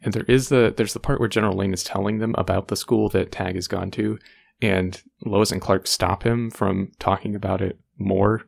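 A man co-hosting a casual podcast, recapping a TV episode in a relaxed way with many fillers. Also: fairly low pitch, moderate pace, vocal fry, breathy edge. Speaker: podcast co-host.

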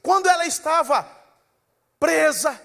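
A man preaching a sermon, dramatic and animated, acting out scenes in different voices and rising to shouts at the peaks. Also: extremely high pitch, a little slow, creaky.

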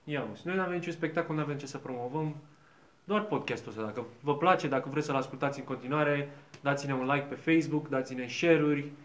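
A man hosting a comedy podcast, wrapping up with relaxed chat and a lot of hesitant fillers. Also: fairly high pitch. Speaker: podcast host. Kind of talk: casual chat. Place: indoor studio.

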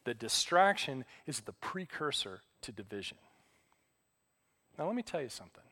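A middle-aged man preaching as a pastor, telling stories in a relaxed, self-deprecating way. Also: medium pitch, normal speed, slightly rough. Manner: conversational, self-deprecating storytelling. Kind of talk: sermon.

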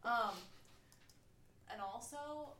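A woman's voice: on the high side, very slow, bright, forceful tone. A woman playing a tabletop game, talking in a giggly, playful way. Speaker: player. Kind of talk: casual tabletop play. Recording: roomy distant mic, faint hiss.

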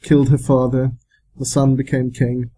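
A man's voice: medium pitch, level tone, moderate pace, mellow, slight background noise, low-quality recording. A man on a casual podcast, telling a story in dry, clipped beats. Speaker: podcast co-host.

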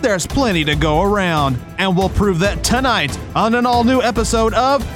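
Hombre imitando a un narrador dramático de reality policial, voz aguda, música de fondo. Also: male voice, high-pitched, moderate pace, music in the background, natural voice. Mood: mock-serious hype. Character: dramatic, punning reality crime show narrator. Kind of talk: dramatic reality show hype narration.

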